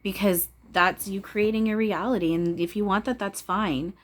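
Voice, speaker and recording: A woman's voice: mid-range voice, steady tone, moderate pace. A woman giving a casual spiritual talk to viewers, blunt and preachy, swearing freely and repeating phrases for emphasis. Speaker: spiritual channeler speaking to viewers.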